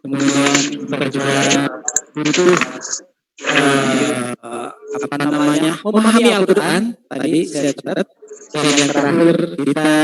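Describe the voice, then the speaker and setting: A man's voice: medium pitch, recorded from a distance, very noisy. A man moderating a school event, polite and hesitant, with many fillers. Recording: loud crowd behind.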